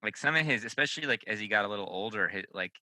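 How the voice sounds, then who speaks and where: A man's voice: lowish voice, animated, very fast, sharp tone, no room sound, poor audio. A man co-hosting a casual podcast, rambling and swearing freely with lots of filler words. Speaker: podcast co-host.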